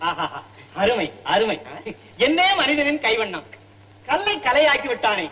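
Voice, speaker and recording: An actor playing a high-minded male story writer who speaks in formal, flowery phrases in a film comedy. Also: big pitch swings, a little slow, sharp tone, dull audio, heavily acted. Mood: admiring.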